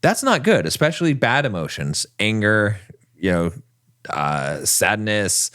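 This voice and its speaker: A man's voice: lowish voice, big pitch swings, measured pace, a bit bright, smooth, dry recording, studio quality. A man co-hosting a relationship podcast, talking emphatically and tagging his points with "right?". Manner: emphatic, keeps asking "right?". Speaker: podcast co-host. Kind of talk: relationship advice podcast talk.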